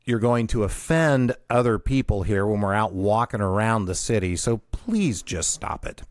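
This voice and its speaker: A man quoting stern church youth leaders who firmly scold a teenager, in a lowered, quieter voice. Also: moderate pace, dry recording, studio quality, natural voice.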